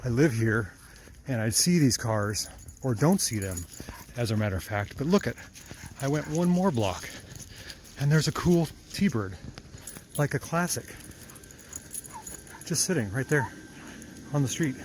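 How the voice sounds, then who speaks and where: A man vlogs while running outdoors, huffing a little as he talks in an easy, enthusiastic way. His voice sits at an ordinary middle pitch. Faint street ambience and a dog can be heard behind him. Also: animated, unhurried, pauses often, darkish tone, slight background noise. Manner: chatty, enthusiastic, talking while jogging. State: out of breath. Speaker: vlogger, mechanic. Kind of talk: casual walking vlog.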